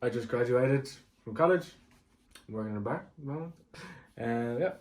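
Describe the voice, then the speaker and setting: A man's voice: mid-range voice, animated, fairly quick, darkish tone. A 22-year-old Irish man in casual chat, dry and joking in a laid-back way. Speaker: boyfriend guest.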